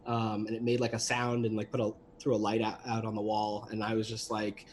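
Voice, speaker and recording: A man's voice: on the low side, monotone, a little fast, a little hiss or hum. A young man, a guest on a livestream, talking casually about his voice work, with lots of fillers and restarts. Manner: chatty, rambling with many fillers. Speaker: guest, voice actor and animator.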